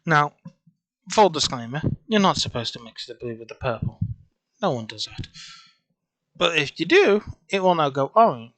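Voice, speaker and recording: A software tutorial creator casually walks through a program on screen in a screen-recorded video, his voice only just back after losing it. His fairly high voice swings widely in pitch and is a bit bright, moving at a moderate pace with frequent pauses. He is chatty and rambling, often correcting himself.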